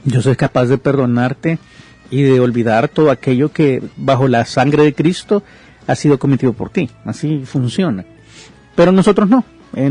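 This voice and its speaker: Mellow-voiced man explaining biblical forgiveness. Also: mid-range voice, slightly rough. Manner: explanatory, retells scripture with asides; reads verses aloud. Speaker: podcast host giving pastoral counsel. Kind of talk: conversational Bible teaching.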